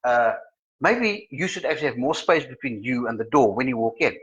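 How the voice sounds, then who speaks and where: A man's voice: mid-range voice, lively intonation, fairly quick, fairly bright tone, lo-fi sound, pitched below the performer's own voice, natural voice. A man doing a dry, analytical fact-checker. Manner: musing, matter-of-fact. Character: dry analytical detail-minded person.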